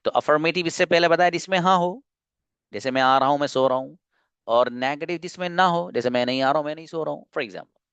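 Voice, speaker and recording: A man's voice: on the high side, fairly bright tone, smooth, no room sound, dull audio. A man teaching a grammar lesson to a class, explaining step by step and asking questions he then answers himself. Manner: explains slowly, asks and answers own questions. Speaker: English teacher.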